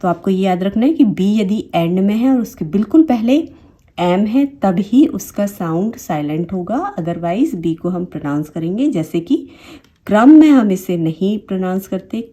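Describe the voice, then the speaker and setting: A woman's voice: medium pitch, lively intonation, moderate pace, dark tone. A woman with an Indian English accent teaching a phonics lesson, saying each example word twice and explaining the rules patiently.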